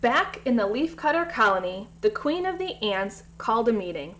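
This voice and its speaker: A woman reading a children's story aloud in a gentle way, sometimes speaking directly to the kids. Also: a little high, very animated, moderate pace, a little hiss or hum.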